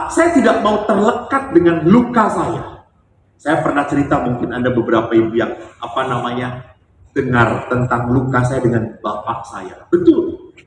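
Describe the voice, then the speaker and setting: Male priest, higher voice, humorous homily storyteller, distant mic in a reverberant hall with faint background noise. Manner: joking with the congregation, then soft and heartfelt. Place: church or hall before a congregation. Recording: echoey hall, speaker far from mic.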